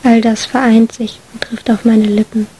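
A woman narrating an emotional first-person story in a whispered role-play, hushed and breathy. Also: a little high, little pitch movement, normal speed. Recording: faint hiss.

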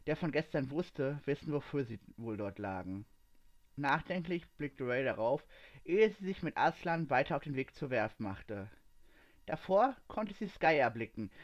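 A man narrating a story aloud at a steady, even pace. His voice sits fairly high for a man. The recording sounds dull and lo-fi. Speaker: story reader.

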